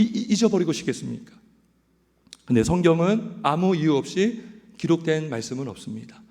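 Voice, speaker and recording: A man's voice: a little high, big-room sound. A man preaching a sermon as pastor, quizzing his congregation and acting out quoted lines. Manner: animated preaching, asks the congregation questions; acts out quoted lines in other voices. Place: church sanctuary.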